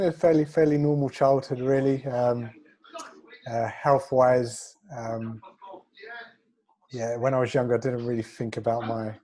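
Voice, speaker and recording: A fitness coach from North London, a man around forty (somewhere in his 30s or 40s), answers as an interview guest in a casual, modest, self-effacing way with a London accent. His voice is mid-range and warm.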